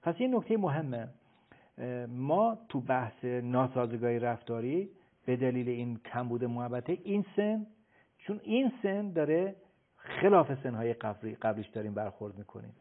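A man explaining as a guest expert on a radio talk show, emphatic and lecturing, often pausing on filler sounds. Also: medium pitch, big pitch swings. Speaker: guest expert on child behavior. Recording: phone-like radio broadcast.

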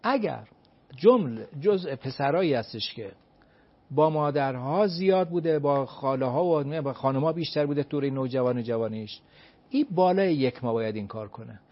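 A man's voice: mid-range voice, animated. Emphatic man giving advice, lo-fi. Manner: emphatic, asks and answers his own rhetorical questions; counts off points one by one. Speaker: advice-giving expert guest. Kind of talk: explanatory advice talk. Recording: dull lo-fi recording.

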